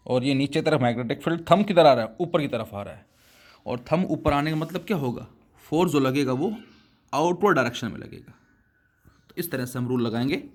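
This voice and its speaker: A man teaching a physics lesson, explaining slowly and addressing his students as children, with words his speech. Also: on the high side. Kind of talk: classroom lesson.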